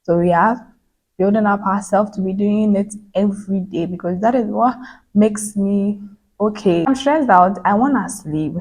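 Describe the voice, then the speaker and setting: A woman's voice: medium pitch, measured pace, a little mellow. Earnest young woman vlogging to her phone. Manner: earnest, repeats phrases for emphasis. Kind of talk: casual reflective vlog monologue. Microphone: phone back camera.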